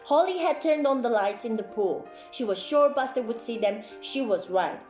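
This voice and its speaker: With a voice on the high side and a moderate pace, a woman presenting as a clown reads a story for children. She is expressive and full of exclamations, adding chatty asides to the kids, while faint music and roomy echo fill the recording.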